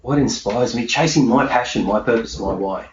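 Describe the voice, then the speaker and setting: A middle-aged peak performance hypnosis coach answers interview questions in an emphatic, self-assured way, repeating key phrases for effect. He speaks at a normal speed in a mid-range voice, recorded on a distant mic in an echoey room with dull sound and faint noise.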